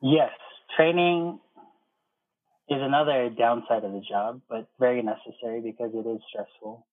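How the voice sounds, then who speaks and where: This is a man in his thirties, an air traffic controller being interviewed, relaxed as he shares personal experiences and acts out dialogue in quotes. The pitch is medium, the pace moderate, and the dry audio comes through a muffled phone-style line.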